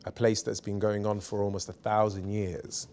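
Emphatic man, low voice, studio interview. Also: moderate pace. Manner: emphatic, candid, lively anecdotes. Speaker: barrister and author, interview guest. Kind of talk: seated conversational interview. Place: small bright studio set.

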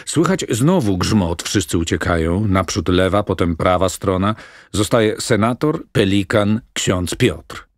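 A man reading the stage directions of an audiobook drama in an even, matter-of-fact way. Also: low voice, a little slow, no room sound, studio quality. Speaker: narrator.

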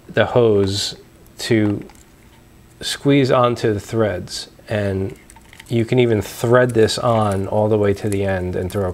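A young man with a lowish voice hosts a homebrewing video from a small room at home, casually explaining and showing off parts. His relaxed show-and-tell is full of fillers and restarts, picked up by a lapel mic.

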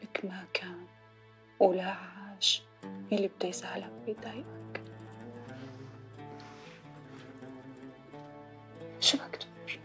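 An actress playing a devoted, anxious wife in a Syrian period television drama, speaking in a soft, coaxing, emotional and often breathy voice. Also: female voice, medium pitch, close to an everyday voice. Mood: tearful devotion. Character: devoted, pleading wife, anxious to please her husband. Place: furnished room indoors. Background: music.

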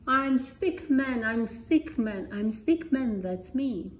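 Homesick little stick father in a storybook, read by a woman, chanting refrain, slow, roomy sound. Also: on the high side, animated. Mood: insistent.

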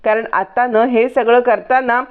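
A woman voicing a fond middle-aged mother-in-law with a gently teasing manner. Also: a little high, steady tone, a little slow, clear, resonant tone, lightly acted. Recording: dull lo-fi recording.

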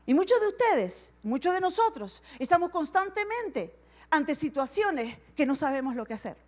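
A woman pastor preaches with a high, bright-pitched voice. Her delivery is animated, and she slips into short acted-out exchanges to make her points to the congregation. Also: normal speed. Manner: animated preaching, acting out little dialogues. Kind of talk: sermon. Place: church service.

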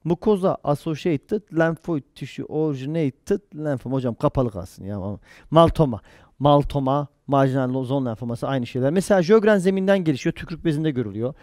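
Male lecturer for exam prep: high-pitched, recorded dry and close, quizzes students and answers his own questions. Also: fast talker, no echo. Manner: lively, jokey asides with mnemonics. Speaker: pathology lecturer.

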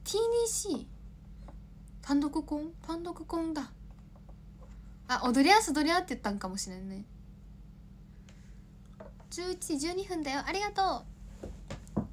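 A woman's voice: very high voice, lively intonation, moderate pace, pauses often, slight background noise. A young woman in her twenties, an idol chatting casually on a livestream, rambling, laughing often and answering viewer comments.

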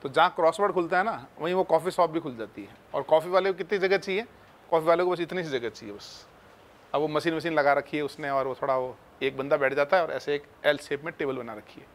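Chatty man, slightly high voice. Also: fast. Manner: chatty, addresses students like friends. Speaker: chemistry teacher. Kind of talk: casual classroom talk.

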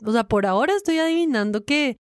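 A woman's voice: sits high, lively intonation, fast, no room sound, studio quality. A woman co-hosting a casual podcast, prompting her partner with questions. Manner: inquisitive, prompting with questions and backchannels. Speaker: podcast co-host.

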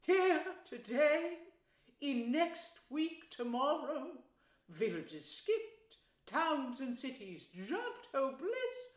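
A woman voicing Toad, swooning and high-flown. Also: big pitch swings, echoey room, exaggerated voice. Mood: rapturous. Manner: swooning, drawn-out exclamations. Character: dreamy, rapturous, vain male toad.

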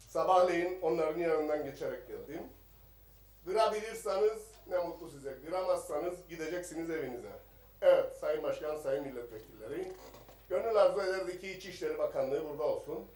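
A man's voice: fairly high pitch, dark tone, far from the mic. A man giving a combative parliamentary speech at a rostrum microphone, firing rhetorical questions at the minister. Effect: speaking at a rostrum microphone in an assembly hall. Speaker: member of parliament. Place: parliament chamber. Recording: echoey chamber, voice a bit off the mic.

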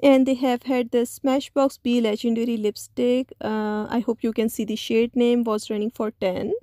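A woman narrating a store shopping video in a voice-over, speaking slowly. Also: fairly high pitch, flat delivery, warm tone, dry recording, studio quality. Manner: slow, listy, with many "uh" pauses. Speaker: shopping vlogger.

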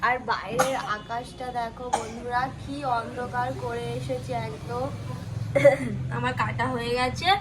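Cooking indoors at home while minding her daughter, a young West Bengali vlogger with a sore throat and stuffy nose chats her way through the chores for viewers. She speaks on the high side, at a measured pace and in a level tone, and the recording is very noisy.

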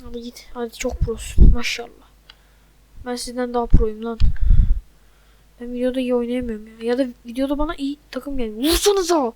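High-voiced woman griping over gameplay. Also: steady tone, a little fast, long pauses, poor audio. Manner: exasperated, loudly mocking her teammates. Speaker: gamer. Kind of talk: gameplay commentary. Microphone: desk microphone.

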